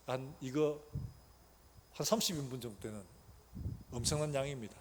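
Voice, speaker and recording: A man's voice: a little high, darkish tone. A man preaching a sermon as pastor, emphatic and asking the congregation questions that he then answers himself. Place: church sanctuary. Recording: long church hall reverb, faint noise.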